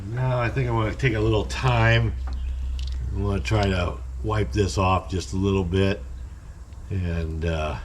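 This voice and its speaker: A deep-voiced man talks his way through a repair job in his garage, plain-spoken and rambling, stopping and restarting as he works. A faint hiss of noise sits under his voice. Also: steady tone, a little slow. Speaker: hobby mechanic and channel host. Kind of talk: casual narration while working on a car. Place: home garage.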